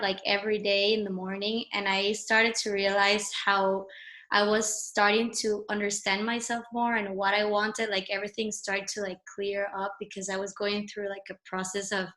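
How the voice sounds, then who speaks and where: Woman, workshop participant, rambling intro, bright flat voice, echoey room. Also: medium pitch. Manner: rambling, heavy use of filler words. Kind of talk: casual introduction.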